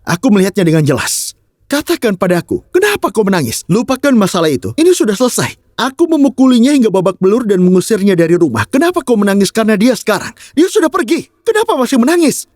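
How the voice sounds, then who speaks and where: A man's voice: high voice, big pitch swings, fast, darkish tone, no room sound, clean studio sound. An actor dubbing a hot-headed young husband who scolds and pleads with his wife in a TV drama. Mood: scolding. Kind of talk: dubbed TV drama.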